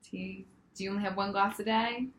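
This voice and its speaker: A young woman playing a nurse who asks intake questions from a checklist, with brief, encouraging replies between them. Her voice is of middle pitch. The room sounds echoey, with faint noise in the background. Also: steady tone, brisk. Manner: checklist questions, repeats "very nice". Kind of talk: mock patient intake interview.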